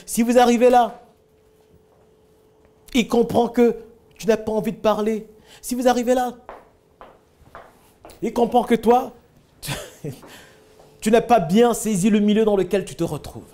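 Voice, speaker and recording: Male speaking coach, high voice with a mellow, warm tone, emphatic delivery with acted-out examples. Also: moderate pace, long pauses. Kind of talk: teaching a public speaking class.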